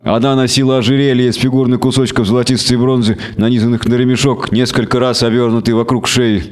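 Steady male audiobook narrator. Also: mid-range voice, quick pace.

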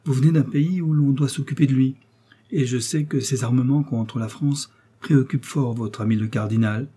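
A man's voice: medium pitch, fairly even intonation, moderate pace, dark tone, slightly rough, natural voice. A man reading a coolly mocking English lord. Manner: sardonic, coolly menacing. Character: cold, mocking English lord, middle-aged.

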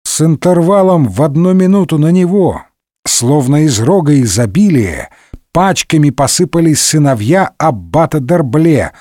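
A man narrates a comic parody story with wry, expressive delivery. His voice sits somewhat high and moves lively in pitch. The recording is dry and close, with no room sound. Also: normal speed, dry recording. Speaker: audiobook narrator.

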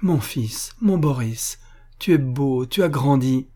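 A man's voice: medium pitch, lively intonation, takes it slowly, warm tone, voice pushed up. A man reading aloud, voicing an elderly country widow who fusses and dotes on her son in a raised voice. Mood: fussy, overjoyed. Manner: fussy, affectionate exclamations. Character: elderly Russian country widow, doting mother.

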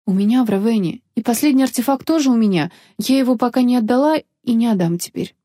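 A woman reading an audiobook voices an earnest, slightly nervous young woman artificer, raising her pitch a little. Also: quick pace, dark tone, no echo, clean studio sound, natural voice. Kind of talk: audiobook character voice.

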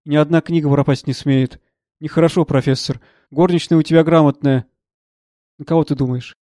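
A man reading the part of a gruff, blunt elderly friend who speaks curtly and probes. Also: fairly high pitch, steady tone, brisk, dark tone, no echo, close to an everyday voice. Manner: curt, dry, probing.

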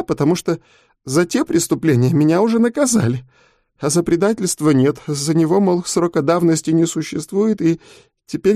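A man's voice: sits high, warm tone, no room sound, studio quality, pitched above the performer's own voice. A man voicing a frightened young female schoolteacher who speaks tearfully. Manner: tearful, pleading.

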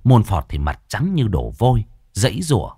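A man narrating a story in a lively, expressive way into a close mic. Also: fairly low pitch, moderate pace, slightly rough, no room sound.

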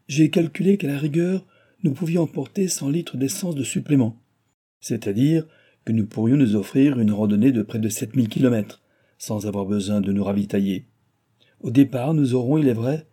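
A man voicing a proud, calm aircraft engineer who lays out his plans in long, measured sentences. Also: medium pitch, breathy edge, natural voice.

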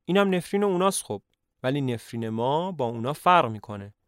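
A man voicing an excitable, fussy middle-aged male doctor in a narrated play, speaking high and loud. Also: no echo, clean studio sound, natural voice. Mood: excited. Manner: high-pitched and loud, eager.

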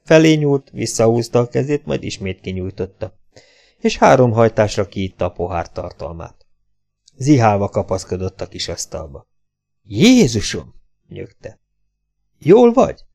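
A man reading an audiobook as the narrator, in a steady, even manner. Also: fairly low pitch, gravelly. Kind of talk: scripted narration.

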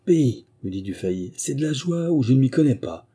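A man's voice: medium pitch, very animated, normal speed, warm tone, slightly rough, voice pushed up. A man voicing a boisterous, swaggering male ex-convict in an audiobook reading, speaking in a raised, exclaiming voice.

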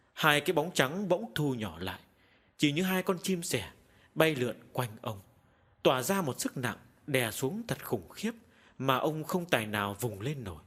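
A man narrating a horror audiobook in a dramatic, expressive storytelling manner. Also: medium pitch, slightly rough.

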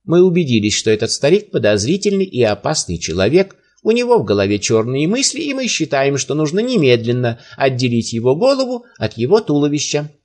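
A man's voice: mid-range voice, very animated, brisk, hardly any pauses, a little mellow. A man voicing a suspicious, imperious male emir who speaks in stern, thundering questions.

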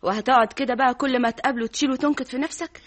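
A woman's voice: sits high, steady tone, rapid-fire. An actress with an Egyptian accent playing a caring young woman who soothes and encourages, in a classic radio drama. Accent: Egyptian Arabic.

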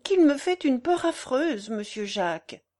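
A modest young woman, surprised and demurring, her voice high and animated as she hesitates over her answers, read by a woman narrator. She speaks slowly, with polite reluctance. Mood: embarrassed.

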